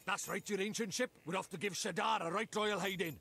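An actor with a Welsh accent playing a small, cheeky, bossy fairy creature in a video game, chirpy and theatrical. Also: male voice, sits high, fairly quick, vocal fry, sharp tone, slightly rough, full character voice.

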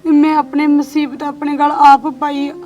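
In scripted drama acting, a woman with a natural, slightly mellow voice portrays a distressed young married wife, speaking at a moderate pace in a completely flat way. She is crying, sobbing in a low, subdued, despairing manner. The audio is dull, picked up by a distant mic with faint music.

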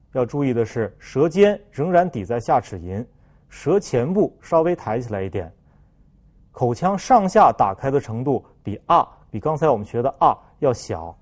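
A man teaching French pronunciation, explaining slowly and then loudly modeling each sound for students to repeat. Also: mid-range voice. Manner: slow, careful explanations, then loud drawn-out example sounds.

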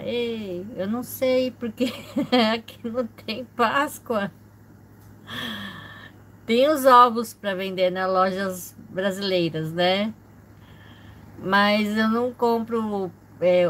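A medium-pitched woman from Brazil, in her forties, chats slowly on a casual livestream, reading comments and greeting viewers by name with small, frequent laughs. She is in an indoor room at home with a fish tank, and the rough recording has slight background noise.

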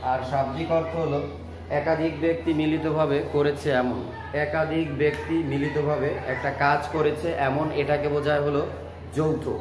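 A man with a Bangladeshi Bengali accent teaching a vocabulary lesson, explaining word meanings slowly and repeating each word. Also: a little high, little pitch movement. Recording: echoey room with clear background noise.

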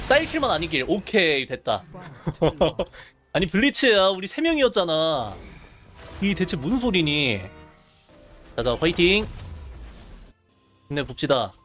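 A man's voice: high voice, a bit bright. A young man casually commenting while streaming a game, chatty and laughing, reading chat aloud.

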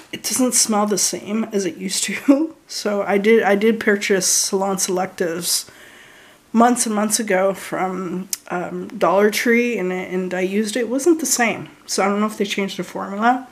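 A woman talks through her shopping haul at a slow, unhurried pace, stopping often for ums and fresh starts. Her voice sits at an ordinary middle pitch, and she keeps clearing her throat between items. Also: darkish tone. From Canada. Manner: halting, many ums and restarts, frequent throat clearing. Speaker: beauty haul vlogger. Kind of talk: casual product haul talk.

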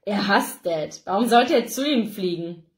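A woman voicing a blunt, quick-tempered young man who speaks in gruff, abrupt bursts. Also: mid-range voice, expressive, close to an everyday voice. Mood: baffled.

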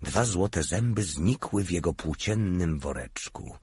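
A man narrating an audiobook in a measured, steady reading. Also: low-pitched, slightly rough, no room sound. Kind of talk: scripted narration.

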